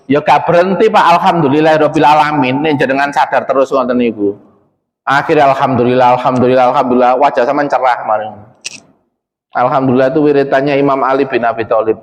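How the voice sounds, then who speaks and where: A man with an East Javanese accent preaching in a mosque, talking conversationally and addressing the congregation directly with frequent questions. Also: mid-range voice. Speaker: Islamic preacher. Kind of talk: mosque sermon. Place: mosque hall. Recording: long hall reverb.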